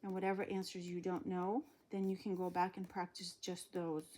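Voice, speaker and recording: A woman's voice: lowish voice, level tone, moderate pace, dark tone, a little hiss or hum. A woman reading a math lesson aloud to a child and explaining each step in a casual, patient way, a little out of breath. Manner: casual, explains steps patiently, trails off mid-sentence. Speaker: homeschool teacher.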